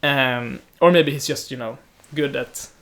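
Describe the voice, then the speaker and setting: A young man co-hosting a casual film chat as a film student, talking in a chatty, animated way and mimicking how others speak. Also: mid-range voice. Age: young adult. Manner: chatty, animated, quick to imitate others' speech. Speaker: podcast co-host, film student.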